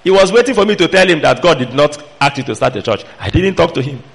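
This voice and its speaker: High-pitched Nigerian male preacher, animated and admonishing. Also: fast talker, vocal fry. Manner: emphatic, admonishing, rhetorical questions to listeners. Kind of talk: sermon to a fellowship.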